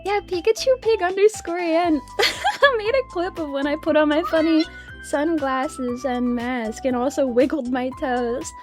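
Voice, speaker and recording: A young woman VTuber chatting casually on a livestream, excitable and giggly, swearing freely. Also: sits high, unhurried, over music. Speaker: VTuber streamer.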